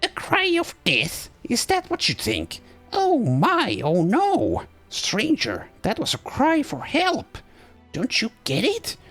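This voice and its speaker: A man's voice: very high-pitched, wildly swooping pitch, slow pace, fairly bright tone, faint music behind, pitched above the performer's own voice, full character voice. A man voicing a mad, mushroom-addled woman who shrieks frantic exclamations while reading game event text aloud. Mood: ecstatic, frantic. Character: mad shroom-addled woman, ecstatic and shrill.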